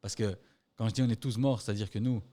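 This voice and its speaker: A man's voice: lowish voice, fairly even intonation, quick pace, dark tone. A man telling anecdotes in a loose, casual chat, swearing freely and imitating other people. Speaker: podcast co-host.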